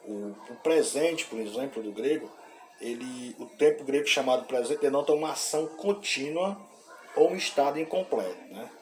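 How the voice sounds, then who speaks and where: A man's voice: mid-range voice, lively intonation, moderate pace, slight background noise. Man teaching Greek with a Brazilian accent. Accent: Brazilian Portuguese. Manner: frequent "né?" tag questions and hesitant fillers. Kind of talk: informal classroom lecture.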